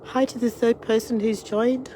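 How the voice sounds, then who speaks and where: Her voice is a little high, with fairly even intonation and a normal pace, though a cold is making her lose it. This middle-aged Australian woman, an online tour and cooking class host, runs a casual live cooking stream and welcomes every new viewer. Captured on the device's camera, the clip moves from an outdoor deck with wind and background noise to her home kitchen.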